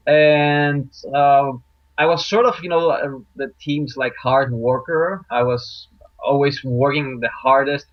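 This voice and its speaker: A young man from Greece, a guest in an interview, talking in a relaxed, reflective way with many fillers. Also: medium pitch, dry recording. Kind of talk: casual interview talk. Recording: dry, dull lo-fi line.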